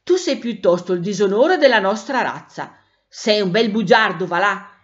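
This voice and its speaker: A woman's voice: medium pitch, animated, normal speed, lightly acted. A woman voicing a cranky male cat who believes he is a dog, scolding and grumbling, in a dull lo-fi recording. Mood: scornful.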